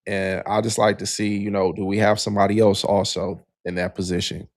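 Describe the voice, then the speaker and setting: A lower-voiced man co-hosting a sports podcast in an easygoing, rambling way. He leans on "you know" as he thinks aloud. The recording is close and dry. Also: level tone, brisk, dry recording. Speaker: podcast co-host. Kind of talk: casual sports podcast chat.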